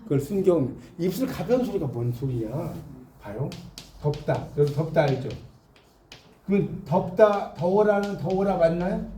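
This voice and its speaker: A man's voice: a little high, lively intonation, moderate pace, warm tone, slight background noise. A man giving a classroom lecture, explaining with examples and asking his students questions. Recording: echoey classroom.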